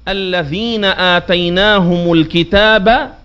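A man's voice: high-pitched, steady tone, a bit bright, clear, resonant tone. A man giving a religious lecture, emphatic and drawing out words to show pronunciation. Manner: emphatic, drawn-out demonstrations of pronunciation. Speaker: preacher. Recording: dull lo-fi recording.

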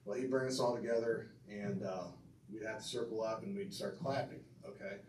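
In a low, steady, slightly mellow voice at a fairly quick pace, a middle-aged man reads an earnest tribute from his notes at a banquet-room podium, inducting his father into a hall of fame amid fillers, restarts, and audience asides. Heard through a far camera from the podium mic, the recording is roomy and distant with faint room noise.

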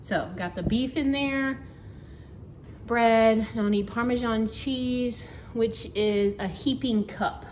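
Speaking slowly in a slightly high, darkish voice, a middle-aged woman thinks aloud while she cooks at home for her cooking vlog. She's chatty and keeps talking as she works. Recorded on a camera on the counter, there's a little hiss or hum plus the clatter of dishes and pans.

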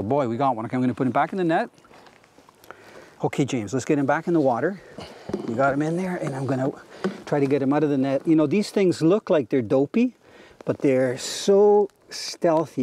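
A man's voice: mid-range voice, mellow, a little hiss or hum. A middle-aged man hosting a fishing show, explaining gear and technique outdoors by a lake with easy enthusiasm and a lot of "you know". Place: outdoors on a boat and dock by a lake.

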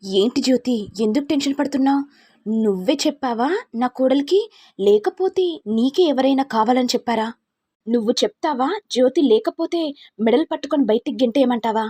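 A stern mother-in-law who rules a big household and accuses everyone, put on by a woman retelling a TV serial. Her voice is raised, loud and husky. It sits a little high, with a dry sound. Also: fairly quick, no echo. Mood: angry scolding. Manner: scolding, accusing.

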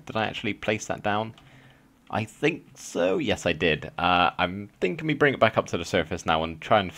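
Deep-voiced man thinking aloud while playing. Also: a bit bright. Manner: chatty, thinks aloud, frequent ums and laughs. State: slight lisp. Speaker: gaming channel host. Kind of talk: casual let's play commentary.

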